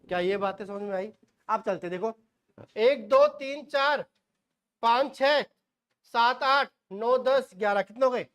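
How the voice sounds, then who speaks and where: Quizzing teacher with homely asides. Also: male voice, very high voice, a little slow, long pauses, fairly bright tone, smooth, lo-fi sound. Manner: quizzing, asks and answers his own questions. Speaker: shorthand teacher. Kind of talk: classroom lecture.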